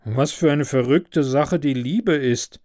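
A man voicing an impulsive, self-absorbed young student in a fairy tale, with loud, excited exclamations. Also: mid-range voice, slow pace, no room sound, clean studio sound, lightly acted. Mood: sulky.

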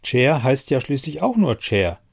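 A man's voice: mid-range voice, big pitch swings, unhurried, gravelly, breathy edge, exaggerated voice. A man playing a vain talking desk. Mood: pompous. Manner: self-important, pompous.

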